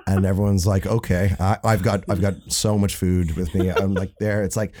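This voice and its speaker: A man's voice: deep voice, little pitch movement, moderate pace, a little mellow. A man, a musician, telling stories in casual chat with many restarts. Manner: rambling, many restarts and stammers. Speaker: musician guest.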